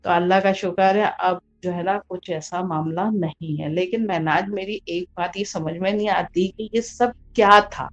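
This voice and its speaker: A woman's voice: fairly low pitch, steady tone, hardly any pauses, highs cut off, soft background music. A woman, a mother, recounting a personal experience in a casual, rambling way with frequent fillers. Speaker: mother telling a personal story. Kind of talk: casual spoken account of a true experience.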